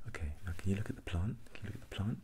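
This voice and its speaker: A man doing a whispered role-play as an ASMR performer, repeating instructions and questions as he shifts between whisper and soft low voice. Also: rapid-fire. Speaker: ASMR performer giving mock eye tests.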